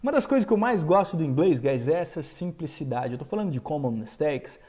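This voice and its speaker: Man, Brazilian Portuguese accent, high voice, bouncy pitch, live-streamed English lesson, quizzes viewers. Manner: animated, quizzes viewers, repeats example sentences slowly. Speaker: English teacher. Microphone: camera setup for a live stream.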